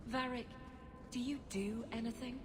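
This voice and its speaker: Actress as a curious, high-voiced young game companion woman. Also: steady tone, moderate pace, lightly acted. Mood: puzzled, curious. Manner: questioning, naive, earnest. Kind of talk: video game character dialogue.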